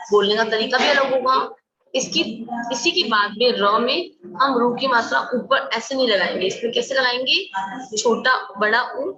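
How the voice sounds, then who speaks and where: A woman teacher giving an online class lesson, explaining slowly and repeating example words. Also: a little high, pushed and bright, roomy sound, dull audio.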